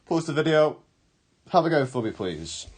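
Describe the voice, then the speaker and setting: A man's voice: fairly high pitch, very animated, moderate pace, a little mellow, husky. A male history teacher giving a recorded online lesson, explaining step by step, rephrasing and correcting himself as he goes.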